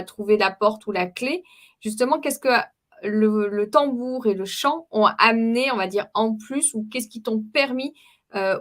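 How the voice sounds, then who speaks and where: A woman's voice: fairly high pitch, a bit bright. Woman coach asking reflective questions. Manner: reflective, searching for words. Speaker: coach and interviewer. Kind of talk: casual interview.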